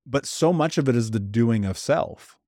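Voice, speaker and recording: A man talks candidly in casual podcast conversation, leaning hard on his points and tossing in slang like dude and bro. His voice sits at an ordinary middle pitch. The sound is dry and close, with no room echo. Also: expressive, moderate pace, dark tone.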